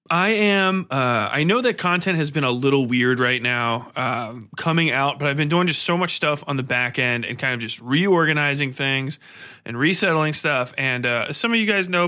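On his solo podcast, a man with a sharp, mid-range voice rambles about movies in a casual review-and-rant style, leaning heavily on profanity and slang.

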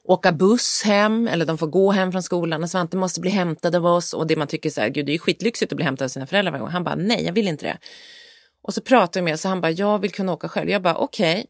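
A woman co-hosting a podcast, a mother who tells stories in an animated way and acts out both sides of each conversation. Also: on the low side, no room sound, clean studio sound. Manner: animated storytelling, acting out conversations. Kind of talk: casual chat among friends.

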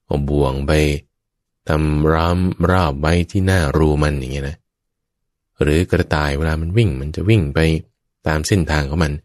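Deep-voiced man giving a lively sermon. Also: normal speed, no echo, studio quality. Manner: lively storytelling with vivid sound words and playful asides; keeps addressing the listeners directly. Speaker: Buddhist dharma preacher. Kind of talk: sermon to radio listeners.

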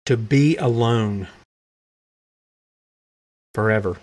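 A man's voice: lowish voice, extremely slow, darkish tone. A man preaching in a sermon-style podcast, earnest and emphatic, with plainspoken, folksy phrasing and repeated key lines for weight. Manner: earnest and emphatic, pressing his points hard.

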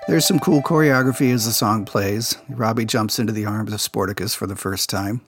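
Over background music, a man with a lowish voice talks fairly quickly as he hosts a podcast. He casually recaps a children's TV episode and shares behind-the-scenes production stories, with the relaxed manner of an insider recounting production details.

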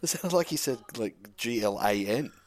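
A man's voice: mid-range voice, lively intonation, moderate pace. A man bantering casually as a podcast co-host, with some swearing. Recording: very noisy background.

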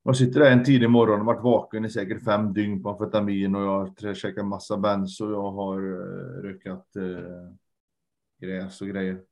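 A man with a fairly low voice, guesting in a candid conversation. He speaks earnestly and reflectively, trailing off and repeating words as he thinks. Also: flat delivery, darkish tone. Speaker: podcast guest, lecturer.

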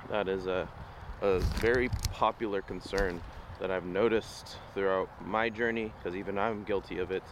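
A man losing his voice hosts a walking vlog outdoors on a busy city street, speaking a little slowly in a lowish, expressive tone. He rambles in a relaxed, upbeat way, offering motivation to the camera over loud street noise.

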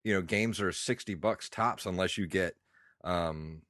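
A man's voice: low voice, a little slow, a bit bright, dry recording, studio quality. A man in his thirties co-hosting a podcast, congested and chatting in a rambling, nostalgic way with plenty of fillers. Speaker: podcast co-host. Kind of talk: casual chat.

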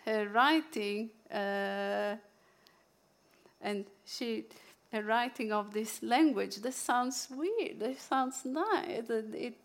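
A woman with an Italian accent who talks through books she loves, reads a poem aloud, and pauses often with fillers and restarts. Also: fairly high pitch. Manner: halting, many fillers and restarts. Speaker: book presenter. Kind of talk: casual book sharing with a poetry reading.

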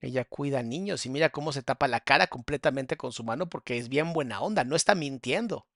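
Sarcastic gravelly Mexican man. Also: medium pitch, lively intonation, brisk, fairly bright tone, no room sound, studio quality. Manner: mocking, sarcastic, crude. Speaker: psychologist reacting to a video. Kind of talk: sarcastic reaction commentary.

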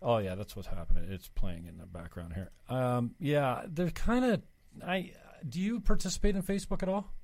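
A middle-aged man with a mid-range voice hosts a loose, casual interview. He talks informally and wanders through his sentences in a halting way. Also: medium pitch, lively intonation, a little mellow, dry recording. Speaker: interview host.

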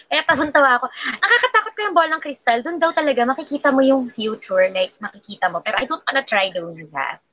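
A woman's voice: high voice, lively intonation, quick pace, a bit bright, slight background noise. Chatty woman reading tarot, lo-fi. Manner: chatty, laughs often, mixes Tagalog and English. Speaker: tarot reader host of a live stream. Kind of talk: casual live-stream chat, tarot reading.

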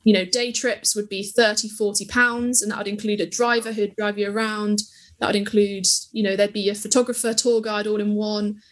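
A travel creator in her twenties, appearing as a podcast guest, tells travel stories with enthusiasm and plenty of fillers in a casual interview chat. Her mid-range voice moves fairly quickly, though her delivery stays flat.

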